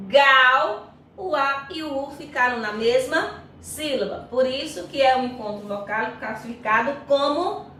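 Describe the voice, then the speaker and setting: A Brazilian woman teacher giving a grammar lesson, who sounds out syllables slowly and often checks in with her students. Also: high voice, fairly bright tone. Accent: Brazilian Portuguese. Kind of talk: recorded online grammar lesson. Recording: echoey room, voice far from mic, faint noise.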